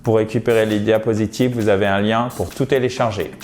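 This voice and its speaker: A man's voice: on the low side, steady tone, darkish tone, faint music behind. Encouraging male pronunciation teacher. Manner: slow, drawn-out English model words; encouraging, addresses viewers directly. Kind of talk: video lesson.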